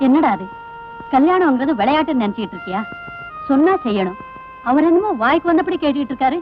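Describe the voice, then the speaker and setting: Worried mom scolding her son, high voice, muffled old film sound. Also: animated, quick pace, soft background music. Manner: scolding and anxious. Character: worried, scolding middle-aged mother. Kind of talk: 1980s film dialogue.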